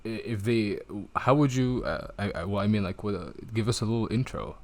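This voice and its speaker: A man with a lowish voice hosts a casual artist talk. He stumbles and restarts often as he introduces his guest. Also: expressive. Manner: halting, full of fillers and restarts. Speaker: host of artist talks. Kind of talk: casual interview chat.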